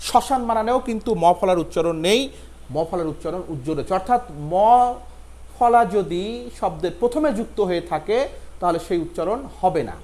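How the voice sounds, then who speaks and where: High-voiced man teaching pronunciation. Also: animated, darkish tone. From Bangladesh. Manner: slow, emphatic spelling-out of words. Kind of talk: spoken pronunciation lesson.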